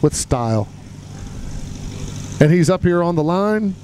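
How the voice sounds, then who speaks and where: Male event announcer, slightly high voice, lively showman calls, faint outdoor engine hum behind. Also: measured pace. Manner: lively, showman-like crowd address. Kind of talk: live sports commentary.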